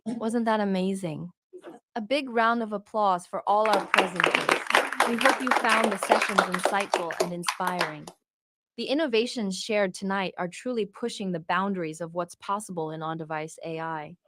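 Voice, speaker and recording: A woman's voice: mid-range voice, moderate pace, very noisy. A woman hosting a tech meetup, reading upbeat scripted closing announcements to the room. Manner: upbeat, reading prepared remarks. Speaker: event host. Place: meetup venue with chatting crowd. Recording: crowd chatter behind.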